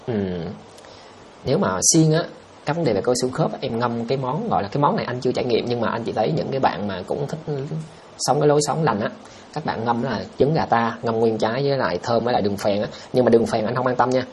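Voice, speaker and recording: A man's voice: medium pitch, fast, a little hiss or hum. A man, hosting a livestream and answering viewer questions in a blunt, scoffing way. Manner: blunt, scoffing, reads out viewer comments and answers them directly. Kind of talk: casual livestream chat.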